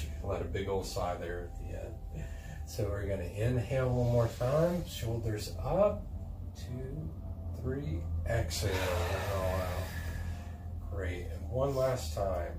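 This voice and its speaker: A man calmly and gently leading a guided stretching routine as an instructor, talking in an unhurried way. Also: fairly low pitch. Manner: calm, gentle, unhurried coaching. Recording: echoey room, distant mic, noisy background.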